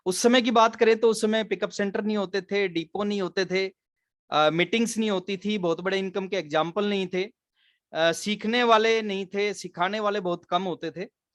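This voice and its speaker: This high-voiced man from Haryana, India, speaks with a steady tone and moderate pace, earnestly narrating in a motivational business training talk. He mixes English words into his Hindi, and there's no echo.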